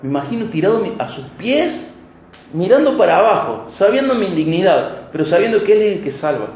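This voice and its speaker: Emphatic Argentine pastor preaching, echoey hall. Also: male voice, high voice, big pitch swings, fairly quick. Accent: Argentine Spanish. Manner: emphatic, with sudden loud peaks and soft drops. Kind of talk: expository sermon. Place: church hall.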